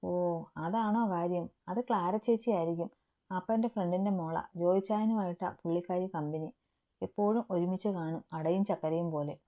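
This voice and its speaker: A woman's voice: lowish voice, normal speed, dark tone, close to an everyday voice. A woman voicing a teasing, bossy young student friend, in a storybook reading.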